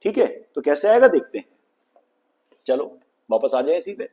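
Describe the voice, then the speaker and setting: A man teaching chemistry to students, dictating formulas slowly and calling his students children. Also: on the high side, very animated, a little mellow, highs cut off. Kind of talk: classroom lecture.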